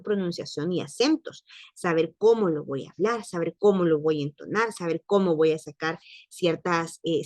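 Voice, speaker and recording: A woman's voice: on the low side, a little mellow, no room sound. Woman French teacher, patient and repetitive, dry recording. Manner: explains patiently, repeats phrases, slows for examples. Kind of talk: online language class.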